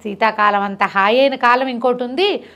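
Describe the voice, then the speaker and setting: A woman voicing a gentle, meek old village grandmother who speaks softly and fondly in a storybook tale. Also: fairly high pitch, normal speed, close to an everyday voice. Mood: fond, soothing. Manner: soft, affectionate and praising.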